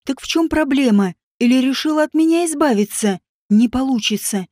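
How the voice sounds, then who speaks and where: A woman's voice: high-pitched, lively intonation, moderate pace, mellow, no room sound, clean studio sound. A woman voicing a haughty spoiled young princess. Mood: accusing. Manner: haughty, demanding.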